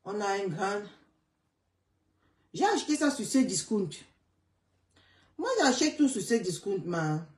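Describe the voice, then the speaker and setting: A hoarse woman hosting a casual live chat, greeting viewers by name and repeating calls to share. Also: mid-range voice, sing-song, takes it slowly, pauses often, far from the mic. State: hoarse, voice partly gone. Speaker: livestream host. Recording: roomy sound, away from the mic.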